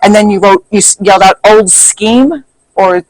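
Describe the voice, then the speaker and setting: A man's voice: high-pitched, flat delivery, quick pace, no echo, low-quality recording. A man recapping a paranormal investigation in casual talk, reading back questions and answers from his notes.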